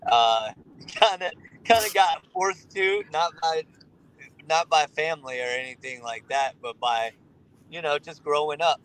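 A man's voice: on the high side, animated, measured pace, fairly bright tone, clear, resonant tone, rough recording. A sociable, laid-back man from Louisiana with a faint Southern accent, chatting casually as a podcast guest. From Louisiana, United States. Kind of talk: casual chat.

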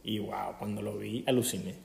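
A man's voice: fairly low pitch, fairly even intonation, moderate pace, gravelly, echoey room, background noise. A man from Venezuela hosting a casual podcast chat, jovial and playful with a self-mocking streak. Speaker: podcast host.

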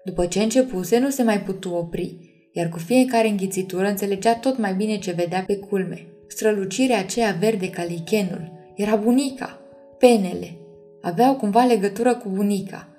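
A woman narrating an audiobook chapter in a measured, expressive reading. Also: mid-range voice, soft background music.

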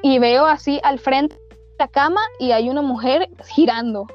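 Faint music plays under this dull, lo-fi podcast clip in which a young woman with a Venezuelan accent shares a ghost story. She has a high-pitched voice and a moderate pace, chatting in a slangy, casual way with lots of fillers and restarts.

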